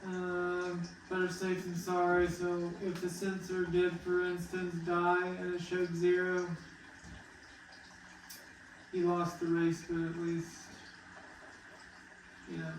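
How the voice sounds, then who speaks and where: A man's voice: high-pitched, monotone, takes it slowly, pauses often, slight background noise. A man explains engine work as he tinkers, in an offhand and joking way. His voice bounces around a very echoey garage. He sounds distant from the mic. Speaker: race car builder. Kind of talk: casual shop talk.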